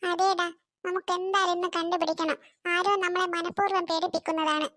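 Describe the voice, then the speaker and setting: A woman voicing a bossy older sister in a cartoon, a young girl with a high child voice who snaps at her little brother. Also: little pitch movement, brisk, fairly bright tone, no room sound, clean studio sound. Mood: scolding. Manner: bossy, snappy. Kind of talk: cartoon voice acting.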